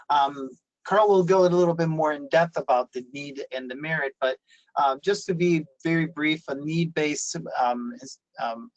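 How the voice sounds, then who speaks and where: A man's voice: medium pitch, no echo, rough recording. A man, raised in Italy, giving a webinar presentation on a video call and explaining things with many fillers and restarts. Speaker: university presenter.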